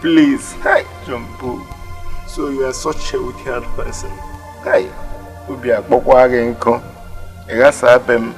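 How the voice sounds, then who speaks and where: A man's voice: mid-range voice, fairly even intonation, a little slow, faint music behind, lightly acted. A man with a Nigerian accent playing an ashamed young husband who pleads with his wife in a film. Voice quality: gravelly, pleading.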